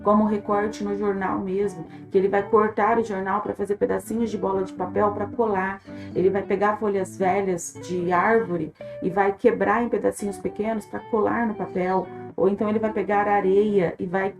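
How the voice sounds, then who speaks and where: A woman's voice: mid-range voice, little pitch movement, moderate pace, creaky. Earnest woman teacher, faint guitar. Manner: earnest, emphatic, voice swells on key points. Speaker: teacher and workbook creator. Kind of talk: explanatory talk to viewers.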